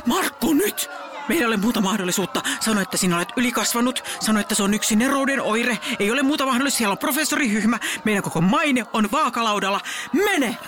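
A woman's voice: fairly high pitch, background noise, natural voice. A woman voicing a frantic middle-aged mother who fires off bossy, urgent orders.

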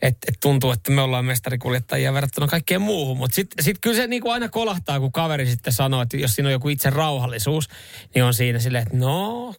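A man's voice: medium pitch, gravelly, no room sound, clean studio sound. A man co-hosting a morning radio show in casual chat, rambling with restarts and casual swearing. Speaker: radio host. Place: radio studio. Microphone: studio microphone.

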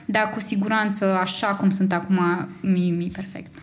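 A woman's voice: medium pitch, fairly even intonation. A young Romanian woman, a podcast guest, speaking openly and reflectively, with frequent hesitations. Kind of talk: candid conversational interview.

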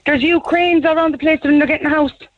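A young Irish woman on a tinny phone line, talking fast as she calls in to a radio show. She sounds anxious and shaken, and she pleads and circles back to the same phrases. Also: high-pitched, steady tone, a little hiss or hum. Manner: pleading, repeats "to be honest". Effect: heard over a phone line. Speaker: caller.

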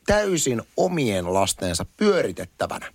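A man's voice: medium pitch, no room sound. A man in his thirties hosting a casual chat, joking and reading forum posts aloud. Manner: lively, jokey, reads forum posts aloud. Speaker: podcast host.

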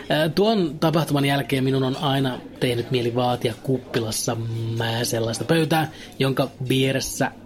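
A man tells an absurd comic story with a straight face, in a voice of ordinary middle pitch. His delivery is dry and matter-of-fact, with the odd hesitant filler between thoughts. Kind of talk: deadpan absurd comic monologue.

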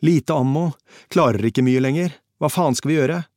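A man's voice: medium pitch, animated, a little mellow, breathy edge, no room sound, studio quality. A man reading the first-person hero of an audiobook, a frightened young hostage, with an agitated, raised voice. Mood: panicked shout.

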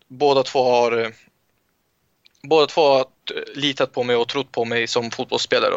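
A young man from Sweden, a footballer guest in an interview, telling relaxed anecdotes with frequent restarts. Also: medium pitch, creaky, smooth, dry recording, dull audio. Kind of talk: casual interview storytelling.

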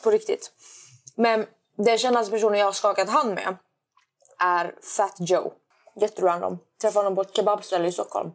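A woman from Malmö, a guest friend on a podcast, chatting casually and telling stories with animated quoted voices. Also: mid-range voice. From Sweden, Malmö. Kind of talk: casual chat.

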